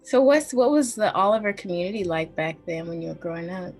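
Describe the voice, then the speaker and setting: A woman's voice: on the low side, lively intonation, fairly quick, darkish tone, soft background music. A woman hosting a casual interview over a video call, affirming her guest and laughing often.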